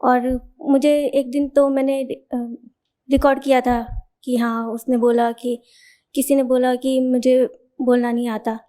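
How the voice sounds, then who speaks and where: A young woman in the audience asking a question into a handheld mic, soft-spoken and hesitant. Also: high-pitched, level tone, slow. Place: large hall at a festival.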